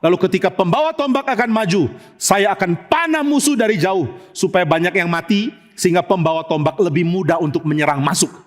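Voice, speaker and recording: A man's voice: sits high, brisk, natural voice. A man voicing a proud, devoted young archer who boasts about his aim. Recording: echoey church hall.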